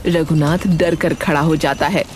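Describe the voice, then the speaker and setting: A woman narrating an animated story in a steady storytelling manner. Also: low voice, measured pace, a little hiss or hum.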